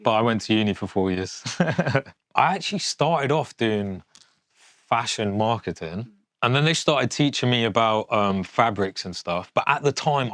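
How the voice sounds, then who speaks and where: A Yorkshire-born Englishman in his twenties with family from Pakistan, a fashion designer and documentary subject, talks casually and unscripted to camera. His mid-range voice is fairly bright, and the studio-quality recording is dry. He is candid, informal, and matter-of-fact.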